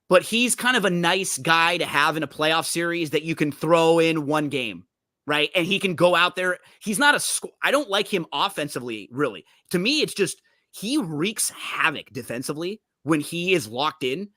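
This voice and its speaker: A man hosting a podcast, chatting casually and quickly about basketball, often restarting his sentences. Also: fairly high pitch, expressive, pushed and bright, dry recording, studio quality. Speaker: podcast host. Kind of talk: casual sports chat.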